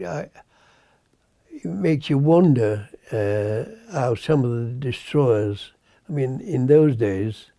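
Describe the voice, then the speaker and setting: Very elderly man, British accent, old veteran remembering, very soft dark tone, halting, slow, dry close sound. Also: medium pitch, vocal fry, no room sound. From Britain. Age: 100. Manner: halting, searching for words, trailing off. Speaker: navy veteran.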